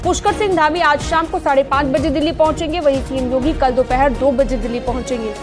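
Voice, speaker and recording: High-voiced young woman reading news. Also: fairly even intonation. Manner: brisk, formal bulletin delivery. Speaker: news anchor. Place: TV news studio. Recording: broadcast bed music underneath.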